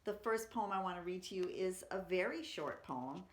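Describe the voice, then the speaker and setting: At library story time, a woman reads poetry aloud to children with a lowish voice, lively intonation, and a normal pace, chatting between poems. She explains things simply and reads with expression, and the room sounds roomy and echoey.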